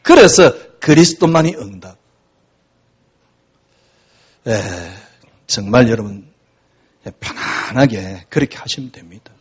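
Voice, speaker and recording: A man's voice: medium pitch, big pitch swings, moderate pace, breathy edge. A man preaching a sermon as pastor, talking conversationally and asking rhetorical questions.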